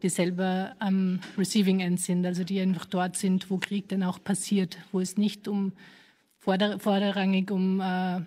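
A woman's voice: mid-range voice, completely flat delivery, normal speed, warm tone. A woman from Afghanistan, a panel guest in a radio interview, speaking hesitantly with many fillers and restarts.

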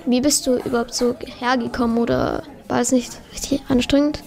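Brief: a young woman voicing a teenage schoolboy, slangy, fairly high voice, amateur school play. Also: flat delivery, brisk, gravelly, darkish tone. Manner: casual slangy schoolkid talk. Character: teenage schoolboy Peter, first mean then kind.

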